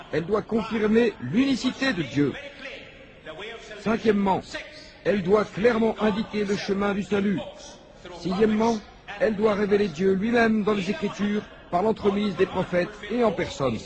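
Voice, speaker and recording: A man with a high voice reads scripted didactic narration. He is formal and declarative, setting out points in order, with a crowd-like murmur behind him. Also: normal speed.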